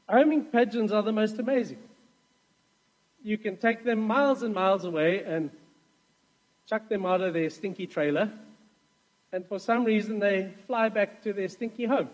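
A man's voice: sits high, long reverb tail, low-quality recording. A man preaching a sermon as pastor, telling stories in a chatty way with asides. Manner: conversational storytelling with asides.

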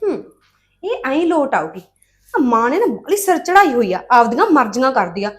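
A woman's voice: sits high, very animated, moderate pace. An actress playing a spoiled young married woman who scolds her sister-in-law and finds fault with everything. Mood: scheming. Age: young adult. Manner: scolding, sulky, fault-finding. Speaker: actress in a village family drama.

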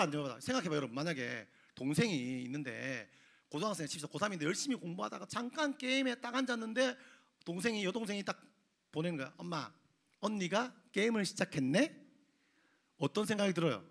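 A male pastor preaching a lively sermon, telling the story with animated quoted voices and frequent questions to the congregation. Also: high voice. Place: church sanctuary.

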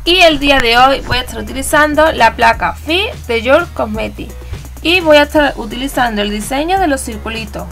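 A woman with a Spanish accent from Spain walks through a nail art tutorial, chatty and instructive, sometimes correcting herself. Her voice sits high and carries a gravelly edge. Soft music plays faintly underneath. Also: lively intonation, normal speed. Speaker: nail art channel host. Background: faint background music.

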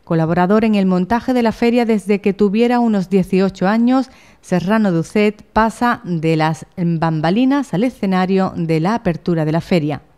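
A woman's voice: mid-range voice, moderate pace, warm tone, clean tone. A woman reading scripted news narration as a reporter.

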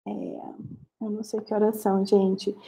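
A woman's voice: mid-range voice, level tone, normal speed, noisy background. A woman with a Brazilian Portuguese accent, a guest lecturer giving a live online class over a video call, earnest and explanatory, addressing her students directly.

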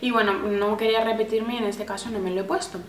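A woman's voice: mid-range voice, fairly even intonation, fast. Chatty woman vlogger in an echoey room. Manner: chatty, many restarts and fillers, addresses viewers as girls. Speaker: beauty vlogger. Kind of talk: casual makeup review.

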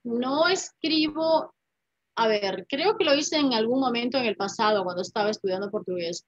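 A Spanish-speaking poet and writer in her fifties joins a video call from a home room hung with paintings, talking thoughtfully and reflectively and often tagging phrases with a questioning "¿no?". Her voice is fairly high and of normal speed. The laptop webcam mic gives dull, dry audio with no room sound.

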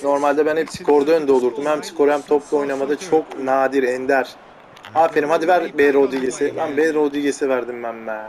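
A man's voice: fairly high pitch, steady tone, fairly quick. A man giving casual, teasing commentary over his own football video game match, grumbling and joking at his players. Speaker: gameplay commentator. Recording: game crowd audio loud underneath. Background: loud game crowd noise.

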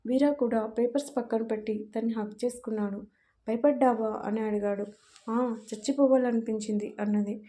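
Mellow-voiced woman narrating a love story. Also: on the high side, fairly even intonation, moderate pace.

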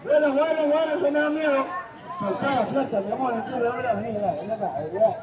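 A man's voice: extremely high pitch, fast. A man with an Argentine accent working a street crowd as a playful kids' party entertainer, coaxing, joking and projecting his patter. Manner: projecting to a crowd, countdown calls. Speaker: street circus performer. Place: large outdoor city plaza at night. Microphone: distant audience phone camera. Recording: distant phone recording, noisy city square, crowd. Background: crowd and street traffic noise.

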